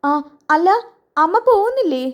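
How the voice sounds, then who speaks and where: A resentful middle-aged mother-in-law mutters and needles in a sly, grudging tone, put on by a woman. Her voice sits high and sharp against the rest of the family. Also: very animated, moderate pace, muffled recording.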